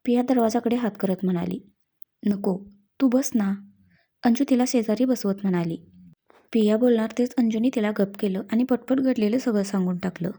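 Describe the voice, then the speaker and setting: Woman, story narrator, very mellow dark voice, steady reading. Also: fairly high pitch, a little fast.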